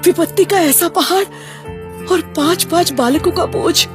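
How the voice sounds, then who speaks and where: A woman's voice: very high-pitched, unhurried. A woman playing a frightened, grieving queen. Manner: fearful, pleading, tearful. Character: anxious, grieving queen, wife of a king. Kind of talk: audio drama acting. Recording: music bed underneath.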